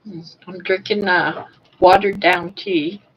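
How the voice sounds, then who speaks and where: An older woman with soft, toothless articulation from a sore mouth, chatting casually and a little self-consciously on a livestream in a rambling way. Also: lowish voice, steady tone, takes it slowly, husky. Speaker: livestream host. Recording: dull lo-fi webcam or phone audio.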